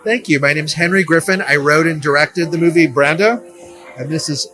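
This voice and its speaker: A man's voice: fairly high pitch, fairly quick, over music. A man speaking as a film director in a conversational interview.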